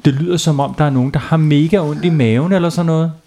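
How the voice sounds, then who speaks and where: A man voicing a calm, matter-of-fact male hero in a silly children's story. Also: a little high, lightly acted.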